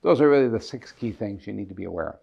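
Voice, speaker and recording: Gravelly man explaining law, lo-fi sound. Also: on the low side, lively intonation, fast. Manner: asks and answers his own questions, frequent "right?". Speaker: estate planning attorney. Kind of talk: explanatory talk to camera.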